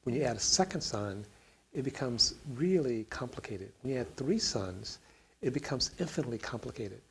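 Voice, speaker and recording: A man's voice: medium pitch, expressive, normal speed, creaky, husky, rough recording. A man on a discussion panel answering a question, talking in a rambling way with many fillers and restarts.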